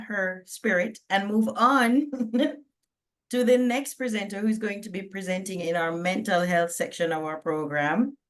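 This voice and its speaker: Jamaican woman emceeing, chatty and jokey. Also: mid-range voice. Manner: jokey, chatty, reads bios aloud. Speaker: conference host. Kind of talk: introducing speakers at an online conference.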